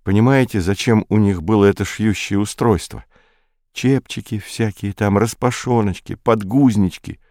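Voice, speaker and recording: A man voicing a young woman crew member who speaks slowly and deliberately in an audiobook. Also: lowish voice, darkish tone, no room sound, studio quality, natural voice. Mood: thoughtful.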